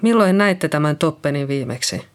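A thin, cold policeman fires off prying questions, as an audiobook reader plays him. He is curt and sharp. It is an audiobook crime story. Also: on the high side, expressive. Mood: probing. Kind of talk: audiobook reading.

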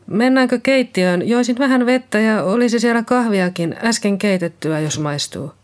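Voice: mid-range voice, pitched above the performer's own voice, lightly acted. An audiobook reader voicing a shaken middle-aged woman nurse who is being questioned by police, talking in a hesitant, apologetic way. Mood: flustered. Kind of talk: audiobook character reading.

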